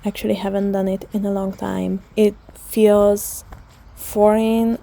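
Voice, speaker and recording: Slow, gravelly-voiced young woman vlogging. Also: medium pitch. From Hungary. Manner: chatty, relaxed, with soft laughs. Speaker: book vlogger. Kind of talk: casual vlog voiceover and diary talk.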